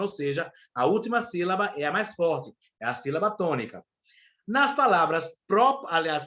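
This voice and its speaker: A man's voice: sits high, fairly bright tone. A man with a Brazilian Portuguese accent, teaching an online class, explaining rules step by step and checking in with his students. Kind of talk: live online class lecture.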